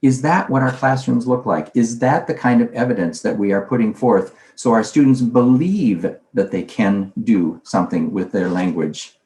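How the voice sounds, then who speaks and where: At a moderate pace and with a warm tone, a man speaks at medium pitch in a conference talk about language teaching. He keeps it conversational, raising questions and then answering them himself, while a roomy echo fills the recording.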